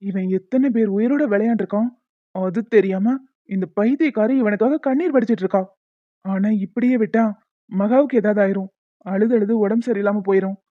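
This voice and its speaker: A woman's voice: mid-range voice, fairly quick, no echo, lightly acted. A woman voicing a scheming young husband in a cartoon serial, scornful and muttering his plans. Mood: grudging. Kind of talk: Tamil cartoon serial voice acting. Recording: dull lo-fi sound.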